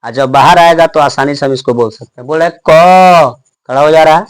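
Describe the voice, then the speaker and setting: A young male teacher, giving a classroom lesson. He asks questions and answers them himself, and slows down to sound out each letter. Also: mid-range voice, clear, resonant tone.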